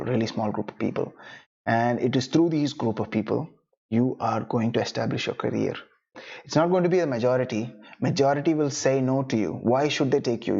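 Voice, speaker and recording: A medium-pitched, gravelly voice, a little mellow and husky, comes through lo-fi audio. It belongs to a young native Tamil speaker coaching freelancers on camera in a laid-back online lesson. Frequent "right?" and "you know" tags give it a conversational feel.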